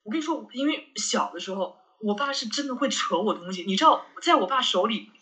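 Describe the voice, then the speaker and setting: A woman co-hosting a casual podcast, recounting childhood memories in a lively way with laughter. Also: a little high, fairly quick, poor audio. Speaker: podcast co-host. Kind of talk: casual chat.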